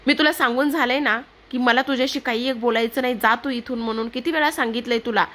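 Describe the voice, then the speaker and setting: A woman's voice: mid-range voice, a little fast, close to an everyday voice. A woman reading out the lines of a defiant, hot-tempered young college man who snaps defensively, in a TV serial recap. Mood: angry. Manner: snapping, defensive.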